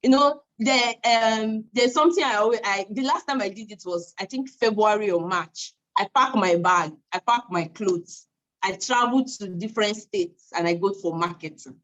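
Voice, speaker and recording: A woman's voice: medium pitch, moderate pace, fairly bright tone, dull audio. A woman with a Nigerian accent giving informal business advice, emphatic and repeating phrases for stress.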